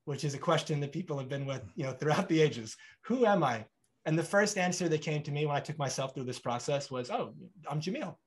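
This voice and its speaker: Fast-talking and fairly high-pitched, this man in his thirties hosts a podcast interview over a video call in a bright room at home. The conversation is relaxed, and he's animated, with sweeping gestures and dialogues where he plays both sides.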